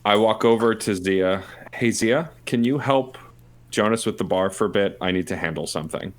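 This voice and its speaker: A man playing a tabletop game, deliberately describing what his character does. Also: lowish voice. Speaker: player.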